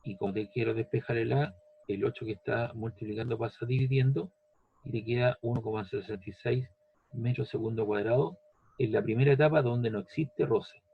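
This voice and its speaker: A man's voice: mid-range voice, steady tone, brisk, vocal fry, slightly rough, narrow, tinny audio. A man teaching a physics lesson step by step, patient, repeating each step and checking that the student follows. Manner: patient, repeats steps, asks "¿ves?" and "¿cierto?".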